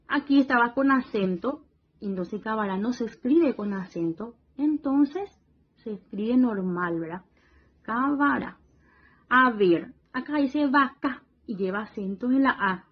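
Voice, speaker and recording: A woman teacher talking young children through a worksheet, slow and patient, often praising and checking they follow along. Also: a little high, muffled recording. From Paraguay region.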